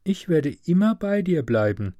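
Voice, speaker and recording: A man voicing a soft-hearted little swallow. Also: very animated, normal speed, dry recording, studio quality. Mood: pleading. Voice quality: high, pleading storybook voice. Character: tender-hearted little swallow, female, loyal.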